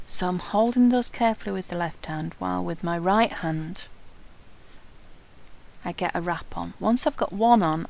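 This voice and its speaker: Gravelly-voiced woman teaching a craft. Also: on the low side, poor audio. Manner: calm, careful, talks while working with hands. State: has hiccups. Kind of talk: hands-on craft tutorial narration.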